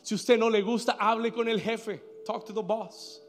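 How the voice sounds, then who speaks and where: A man pastor preaching a sermon, swinging from hushed lines to shouting, dropping in English phrases. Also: high-pitched, steady tone, unhurried, soft background music. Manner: switches between Spanish and English phrases. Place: church sanctuary. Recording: long hall reverb.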